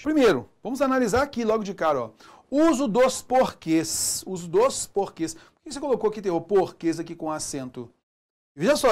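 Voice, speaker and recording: A man with a Brazilian Portuguese accent teaching a grammar lesson in a casual, explanatory way. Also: high voice. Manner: casual, explanatory, asks himself questions.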